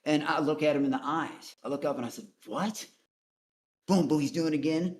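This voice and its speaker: A man's voice: on the high side, a little fast. A man guest on a call-in interview, telling his story in a blunt, profane, rambling way. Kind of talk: casual storytelling.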